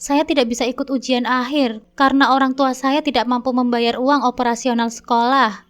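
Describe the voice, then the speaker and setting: A timid, poor village girl of seventeen speaks quietly in a trembling voice, as a woman narrator puts her on. The voice is high and clear, with a storybook tone. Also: steady tone, brisk, natural voice. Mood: anxious.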